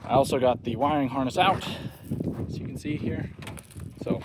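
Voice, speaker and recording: A man talks casually as he works on a car, in an offhand, plain-spoken way. His voice sits at an average pitch. The phone recording is very noisy, with wind all around him. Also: moderate pace. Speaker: DIY car restoration vlogger. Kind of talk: casual narration while working. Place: working on a car, windy outdoors. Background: loud wind noise, clicks.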